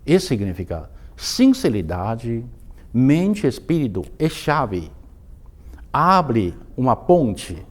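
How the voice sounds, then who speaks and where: A man, a Taoist master, giving an informal spoken lesson in simplified non-native grammar, often restarting words and telling stories with sudden lifts in pitch. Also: big pitch swings, slow. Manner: storytelling with bursts of raised pitch. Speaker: Taoist master teaching a course.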